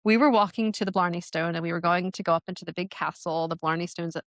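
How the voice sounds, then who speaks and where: A chatty middle-aged woman from New Jersey tells a travel story on her podcast, laughing often and bouncing into lively quoted voices. Her voice sits low with a gravelly edge. It is recorded close and dry, with no room sound. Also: fast, no echo. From New Jersey, USA. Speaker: podcast host. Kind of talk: casual storytelling.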